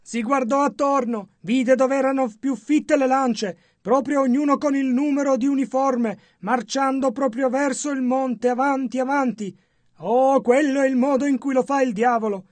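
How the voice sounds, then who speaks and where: Man, interpreter voice-over, very high pitch, dry close sound, measured reading. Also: no echo. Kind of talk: read voice-over translation.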